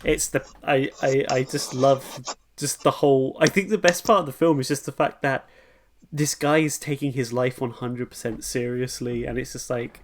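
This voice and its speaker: A man co-hosting a podcast in casual chat, relaxed, stumbling over his words when he gets excited. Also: medium pitch, normal speed, slight background noise. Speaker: podcast co-host.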